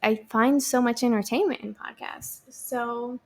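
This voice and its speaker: A woman's voice: on the high side, steady tone, measured pace. A woman in her thirties hosting her own podcast, chatting alone in an upbeat, rambling way. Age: 30s. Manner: chatty, lots of fillers and restarts, upbeat. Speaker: podcast host. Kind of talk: solo podcast chat.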